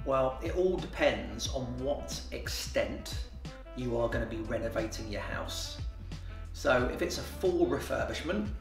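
Speaking over music, a man who runs a renovation company answers interview questions plainly and matter-of-factly, full of fillers and restarts. His mid-range voice is expressive and measured in pace. The sound is that of a roomy indoor office, picked up from far away.

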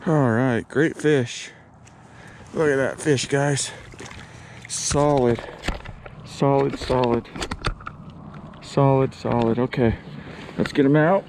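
A man's voice: medium pitch, steady tone, slow, long pauses, darkish tone, a little hiss or hum. A man giving casual, upbeat running commentary while fishing from a small boat on a lake, recorded on an action camera. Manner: upbeat, repeats words while landing fish. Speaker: fly fishing vlogger.

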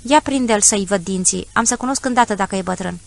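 A woman's voice: mid-range voice, vocal fry, lightly acted. A woman voicing a stern young male landowner who speaks dry, curt and severe in an audiobook story.

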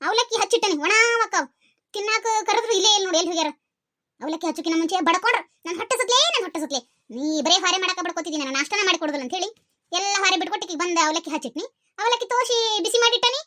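A fretful young daughter-in-law from a village comedy skit, acted by a woman, speaking with a North Karnataka accent. Her voice is very high and bright. She rattles on fast in anxious chatter. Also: lively intonation, exaggerated voice. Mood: worried. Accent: North Karnataka Kannada.

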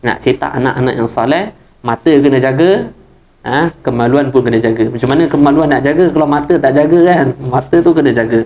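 A man's voice: brisk, muffled recording. A man with a Malaysian Malay accent giving a religious lecture, telling stories and acting out the characters' lines with a raised voice. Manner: lively storyteller, acts out characters' lines with raised pitch. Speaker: religious teacher. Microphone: wireless lapel mic.

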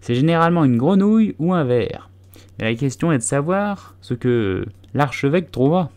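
A man's voice: on the high side, very animated, moderate pace, a little mellow, smooth, voice pushed up. A man voicing a literal-minded, quibbling duck in a storybook reading.

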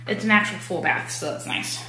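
A woman's voice: fairly quick, sharp tone. A woman in a casual, rambling home tour, filmed handheld in a new house, tired after moving. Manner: chatty, rambling, coos at her pets in a high baby voice. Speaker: vlogger giving a home tour. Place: inside a newly moved-into house. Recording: noisy home recording.

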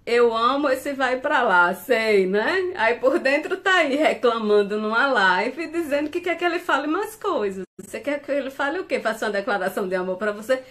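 A woman's voice: a little high, expressive, brisk, hardly any pauses, a bit bright. A woman hosting a casual live stream from home, reading viewer comments aloud and laughing often.

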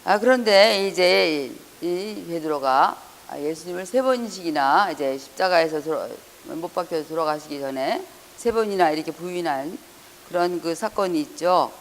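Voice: mid-range voice, lively intonation, normal speed, slight background noise. A pastor giving an earnest Sunday sermon, hesitating and correcting himself often, raising the voice when reading scripture. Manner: frequent hesitations and self-corrections. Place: church hall. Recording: long church hall reverb.

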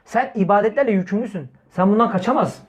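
An Islamic preacher gives an informal religious talk, speaking emphatically, repeating key phrases, posing rhetorical questions and calling his listeners brothers. His husky voice sits high and moves at a quick pace.

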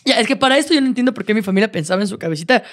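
A woman, co-hosting a podcast and telling personal stories in a lively, laughing, swear-sprinkled way. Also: medium pitch, rapid-fire. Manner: lively, laughs often, swears casually, many restarts. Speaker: podcast co-host. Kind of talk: casual storytelling chat.

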